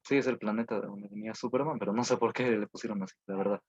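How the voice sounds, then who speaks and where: A man's voice: fairly low pitch, steady tone, a little mellow. Man dictating a class over a call. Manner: slow dictation with frequent fillers and repetitions. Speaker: teacher. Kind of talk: online class lecture, dictating notes. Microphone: video call. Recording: dull lo-fi online call audio.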